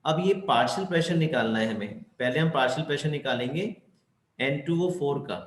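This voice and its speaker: In an echoey room with a faint background hum, a male chemistry teacher delivers an explanatory lesson, talking fairly quickly in a mid-range voice. He mixes English terminology into his Hindi and answers the questions he puts to his class.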